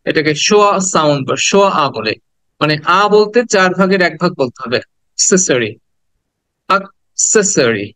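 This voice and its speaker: A man with a fairly high, smooth and resonant voice leads a pronunciation lesson, speaking with a Bangladeshi accent. He switches between Bengali and English and says each word again and again for the class to copy. The sound is close and dry, with no room echo. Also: animated, sharp tone. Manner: mixes Bengali and English, repeats words slowly for students.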